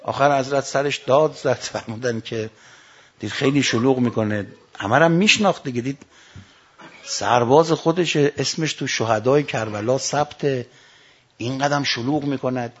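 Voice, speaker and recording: A man preaching a sermon, telling stories and quoting sayings, rising to loud emphatic lines and dropping to hushed quotes. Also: medium pitch, slight background noise. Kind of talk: religious sermon with storytelling. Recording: dull lo-fi recording.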